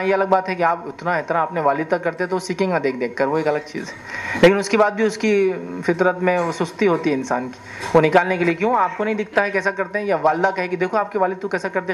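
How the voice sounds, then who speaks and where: A man preaching a sermon, lively and often checking with the audience whether they follow. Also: high-pitched, slight background noise. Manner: animated, questions the audience.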